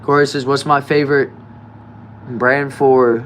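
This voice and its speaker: A nineteen-year-old man reading viewer comments aloud in a relaxed, chatty live stream, often trailing off quietly. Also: medium pitch, unhurried, slight background noise. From United States. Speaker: livestreamer.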